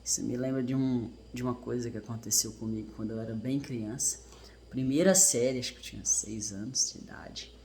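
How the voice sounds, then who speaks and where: Brazilian guy, 30s, reflective storyteller, halting and earnest, faint hiss behind. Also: medium pitch, a little mellow. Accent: Brazilian Portuguese. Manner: earnest, halting, reflective, with restarts and self-corrections. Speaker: father and vlogger. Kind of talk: casual personal storytelling.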